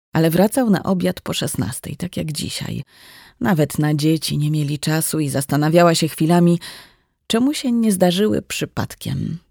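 Audiobook narrator, gravelly, measured, dry close sound. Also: medium pitch, darkish tone, dry recording.

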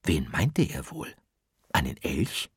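Storybook narrator, very low and husky, slow and lively, dry close mic. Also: male voice, no room sound. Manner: slow, expressive, with dramatic whispers. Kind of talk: children's audiobook narration.

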